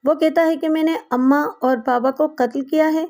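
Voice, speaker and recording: A woman reading the part of a tormented young brother with a short fuse, pleading in a high, light voice that stays close to her own. the lines come across as an impassioned audiobook reading rather than a fully acted male voice. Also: steady tone, darkish tone. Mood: anguished. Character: young man, tormented, hot-tempered elder brother.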